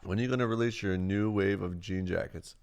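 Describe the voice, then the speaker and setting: A man's voice: deep voice, steady tone, brisk, a little mellow, clear, resonant tone. A man casually chatting on his livestream, reading chat questions aloud and telling stories, swearing freely. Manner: laid-back, swears a lot, reads chat questions aloud.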